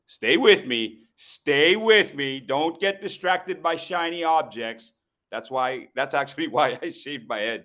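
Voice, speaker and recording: A middle-aged man giving a humorous talk on storytelling to a live group, teasing people in the room and slowing down with pauses for emphasis. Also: medium pitch, fairly bright tone. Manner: playful, teasing the audience, quick asides. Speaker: educational speaker at a club meeting.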